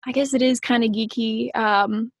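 A woman's voice: a little high, fairly even intonation, normal speed, husky, no echo, clean studio sound. A woman hosting a casual conversation, chatty and loose with lots of "you know" fillers. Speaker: host. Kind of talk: casual chat.

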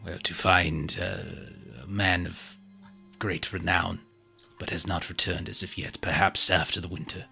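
A man voicing a courteous, grumpy old man with a husky voice in a tabletop game. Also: deep voice, fairly even intonation, a little slow, pushed and bright, soft background music, pitched below the performer's own voice, full character voice. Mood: grave, measured. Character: curmudgeonly old man, courteous host, recuperation caretaker.

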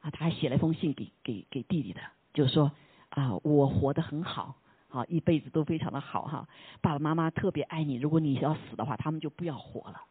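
Husky lively preacher over a tinny line. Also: medium pitch, quick pace, dry recording. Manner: asks the listeners rhetorical questions; mixes English words into Chinese speech. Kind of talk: casual sermon. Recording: tinny phone-like line, dry.

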